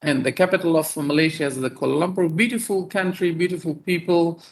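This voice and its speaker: Halting Afghan-born male surgeon, fairly high voice. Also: a little hiss or hum, rough recording. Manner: halting, many fillers and repeated words. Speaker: neurosurgeon and professor presenting. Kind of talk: conference talk over video call.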